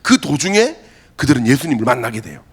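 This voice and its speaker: A man's voice: medium pitch, fast, husky. A man preaching a youth sermon as pastor, telling stories and acting out quotes. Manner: animated storytelling, acts out quotes. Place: church worship hall.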